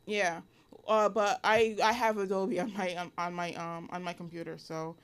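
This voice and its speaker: A woman's voice: fairly low pitch, little pitch movement, moderate pace, clean tone. Hesitant woman full of ums. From Connecticut, USA. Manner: hesitant, many fillers and restarts. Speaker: interview guest, illustrator and cartoonist. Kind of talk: casual interview.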